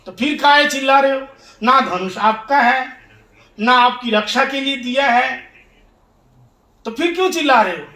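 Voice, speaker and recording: A man's voice: very high-pitched, measured pace, long pauses, sharp tone, reverberant, pitched above the performer's own voice, exaggerated voice. A man voicing a bold young male warrior who asks pointed questions. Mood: challenging.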